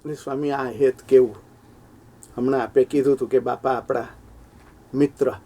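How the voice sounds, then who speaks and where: A man's voice: fairly even intonation, moderate pace, dark tone. Earnest middle-aged man telling a memory. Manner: earnest, rises in pitch when moved. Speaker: devotee sharing memories. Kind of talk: heartfelt personal storytelling.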